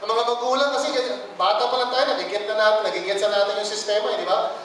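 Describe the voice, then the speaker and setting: Preaching a sermon, this Filipino pastor talks fast in a high, light, fairly bright voice, code-switching between English and Filipino and performing the voices of people he quotes. The mic is far off in a big, echoey church hall, and there's faint background noise.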